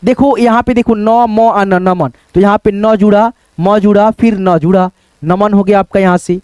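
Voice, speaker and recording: A man's voice: sits high, fairly even intonation, normal speed, darkish tone, clean tone, dry recording. A man teaching Hindi reading and writing in an online lesson, patiently sounding out words syllable by syllable and repeating them.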